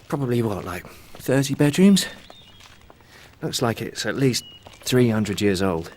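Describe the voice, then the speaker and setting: An actor playing an anxious, chatty, hapless man in an audio drama, with an excitable, comic, rambling manner. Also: medium pitch, unhurried, lightly acted. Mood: wistful, chatty.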